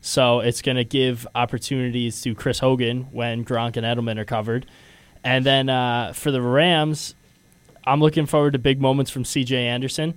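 A man's voice: medium pitch, little pitch movement, moderate pace, clean tone. A young man hosting a casual sports radio show, steering the talk and teasing his co-hosts. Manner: leads the segment, teasing, laughs often. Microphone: headphones and studio mic.

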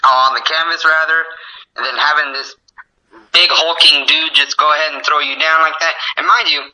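A man's voice: a little high, steady tone, moderate pace, bright, forceful tone, low-quality recording. A man who is a guest on a casual call-in show, talking in a laid-back, self-mocking way and telling stories from his work. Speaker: guest, fighter and bar bouncer. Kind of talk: casual phone-in chat.

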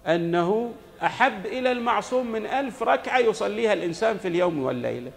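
A male cleric preaches in a mosque, his voice pitched a little high with a gravelly edge. He teaches in a didactic way, posing questions and then answering them. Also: animated, fast talker. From Saudi Arabia. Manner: didactic, asks questions and answers them himself, demonstrates recitations. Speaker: cleric giving a religious lecture. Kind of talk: sermon.

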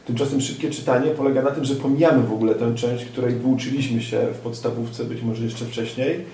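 A man's voice: mid-range voice, steady tone, fairly quick, dark tone, roomy sound, recorded from a distance, slight background noise. A man interviewing a guest, curious and asking follow-up questions that sum up the answers.

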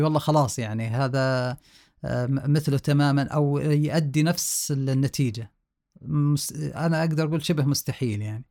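Interviewed on a podcast, a sound engineer explains things slowly, hesitating and restarting a lot. His voice is mid-range, creaky, and a little mellow.

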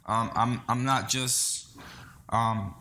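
Slow and steady, his medium-pitched voice has a sharp tone, with a little hiss or hum on the recording. He is a singer-songwriter from the Bronx who lived in the Dominican Republic as a young child, speaking earnestly and casually in an interview while stumbling and repeating words.

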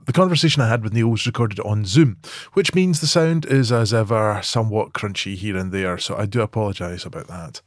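Low, dry-voiced podcast host. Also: male voice, a little fast, few pauses, dry recording. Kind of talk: scripted podcast introduction.

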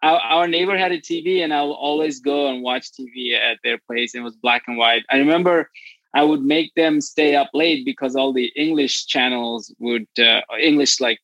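A man in his forties from Bangladesh, a comedian guest chatting casually, halting and full of fillers. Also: medium pitch, a bit bright, no room sound, dull audio. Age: 40s. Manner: hesitant, halting with many fillers. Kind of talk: casual chat.

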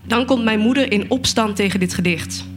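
A woman reciting spoken word poetry in a slow, measured way. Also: medium pitch, music in the background.

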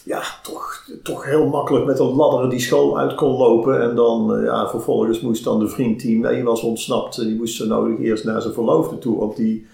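A man answering in an interview, hesitant, with many pauses and fillers. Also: mid-range voice, level tone, creaky, mellow. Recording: roomy echo.

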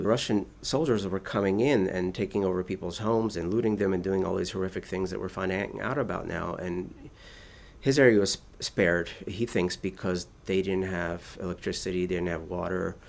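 A translator answers interview questions thoughtfully in a deep, creaky voice. He frequently restarts his sentences and uses fillers.

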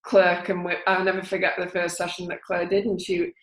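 A woman footballer, a podcast guest, chatting in a relaxed way and thinking aloud. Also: fairly low pitch, brisk, echoey room, rough recording. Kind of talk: casual podcast chat.

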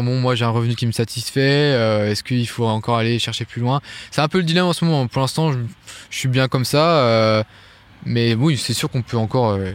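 Fast-talking animated French man. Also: mid-range voice, no room sound. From France. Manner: fast, loose and animated, many fillers and restarts. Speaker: guest, online Irish music teacher. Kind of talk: casual interview chat.

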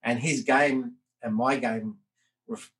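A man's voice: medium pitch, steady tone, slow, fairly bright tone, rough recording. A man hosting a casual podcast conversation, talking in a rambling way with many fillers. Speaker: podcast host.

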